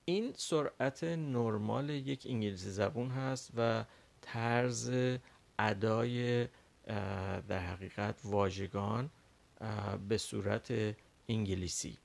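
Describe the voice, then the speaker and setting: A man whose first language is Persian, teaching a language lesson and explaining patiently with frequent pauses and fillers. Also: lowish voice, gravelly. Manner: explains carefully with many pauses and fillers, models English words slowly. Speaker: English teacher.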